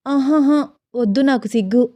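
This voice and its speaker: A woman's voice: high voice, normal speed, warm tone, dry recording, pitched above the performer's own voice, close to an everyday voice. A woman voicing a shy, nervous young newlywed wife who sounds coy and pleading.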